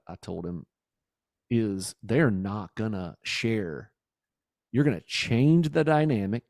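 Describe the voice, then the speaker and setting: A man's voice: fairly low pitch, darkish tone, no room sound, studio quality. A man hosting a business podcast and coaching, enthusiastic and affirming as he tells stories. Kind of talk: podcast interview.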